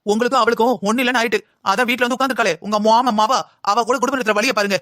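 A man's voice: very high voice, fairly even intonation, racing, bright, forceful tone, no room sound, studio quality. A man voicing a stern, grieving father in a cartoon drama who reproaches his son-in-law. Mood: reproachful. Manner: reproachful, accusing.

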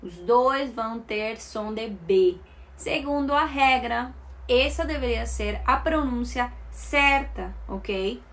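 Slow, careful Colombian woman teaching. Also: on the high side, fairly bright tone. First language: Spanish. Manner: slow, repeats words for students to copy. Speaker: Spanish teacher. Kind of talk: live online language lesson.

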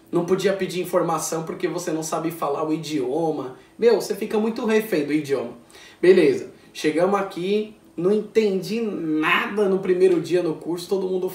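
A Brazilian man in his twenties telling a self-mocking anecdote in a casual, animated way, full of slang. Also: on the high side. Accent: Brazilian Portuguese. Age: 20s. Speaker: vlogger. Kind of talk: casual storytelling. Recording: roomy echo, distant mic, faint music.

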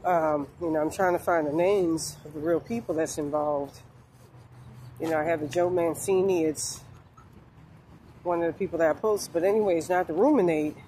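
A woman in her forties talking outdoors in a meandering, halting way with many fillers and curses, filmed on a phone held at arm's length. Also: sits low, warm tone, rough recording. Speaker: vlogger. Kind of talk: rambling spiritual vlog. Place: outdoors on a sunny street. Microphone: phone held low at arm's length. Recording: phone outdoors with faint traffic noise. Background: faint street noise and passing cars.

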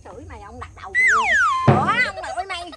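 A woman's voice: very high voice, wildly swooping pitch, over loud music. A woman with a Southern Vietnamese Mekong Delta accent, playing a scolding mother in a comic family skit. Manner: scolding, loud and rapid. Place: outdoors in a fruit orchard.

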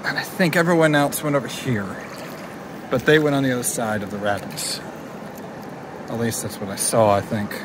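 A man's voice: medium pitch, normal speed, pauses often, noisy background. A man casually narrating a vlog from a kayak on a river, rambling with restarts and fillers. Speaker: vlogger. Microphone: handheld camera.

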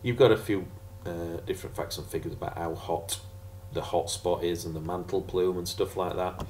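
A man's voice: deep voice, steady tone, moderate pace, a little mellow, slight background noise. A man teaching a casual geography revision lesson over slides, chatty and jokey with sarcastic asides.

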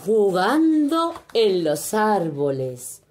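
A woman from reading a children's story aloud in an expressive, animated way. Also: mid-range voice, drawn-out words.

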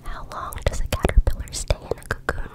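A person from Cambodia whispering ASMR trivia up close through cupped hands, right at the microphone. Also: brisk. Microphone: very close to the mic, hands cupped.

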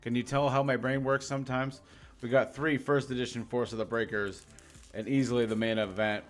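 A young man hosting a casual card pack-opening video, rambling and joking to himself and the cards, with loud bursts of excitement at big pulls. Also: mid-range voice, brisk, faint music behind. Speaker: YouTube host opening card packs.

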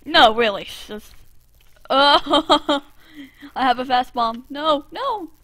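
Young female gamer, high bright voice, unhurried delivery, excitable casual commentary. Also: dry recording. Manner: excitable, frequent yelps and laughs. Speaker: gamer host.

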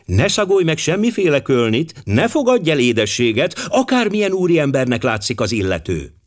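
A man voicing an excitable, gullible young housemaid in an audiobook, eager and quick to gush. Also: fairly high pitch, voice pushed up. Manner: breathless, eager.

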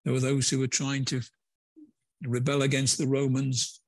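A man's voice: medium pitch, monotone, moderate pace, no room sound. A man preaching a conversational sermon in a church, with hesitant fillers and restarts. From England.

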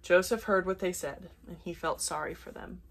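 A woman reading a children's Bible story aloud at bedtime, gentle and unhurried, with brief self-corrections. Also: lowish voice, fairly even intonation, slight background noise.

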